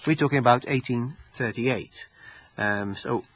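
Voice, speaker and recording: A man's voice: medium pitch, unhurried, fairly bright tone, low-quality recording. A man with a Maltese accent speaking as an interviewed researcher in a scholarly discussion, often repeating and rephrasing his words as he goes.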